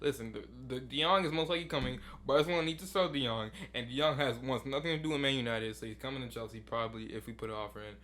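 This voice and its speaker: A man's voice: medium pitch, a bit bright. A man co-hosting a podcast, arguing a football point and pushing on over interruptions. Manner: fast, insistent, talks over interruptions. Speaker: podcast co-host. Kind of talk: casual sports debate.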